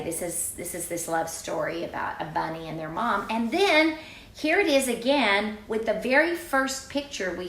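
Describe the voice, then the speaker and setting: In an echoey room, an older woman with a medium-pitched, fairly bright voice reads a children's picture book aloud. Her delivery is informal, sprinkled with chatty, exclaiming asides and drawn-out emphasis.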